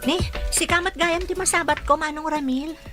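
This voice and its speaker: A woman's voice: high voice, fairly even intonation, normal speed, over music, natural voice. A young woman playing a polite, dutiful daughter in a radio drama.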